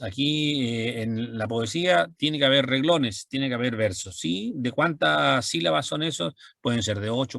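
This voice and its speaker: A male teacher explains poetry slowly, repeating words and pausing with fillers. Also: mid-range voice, a bit bright, no room sound, studio quality. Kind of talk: recorded language lesson.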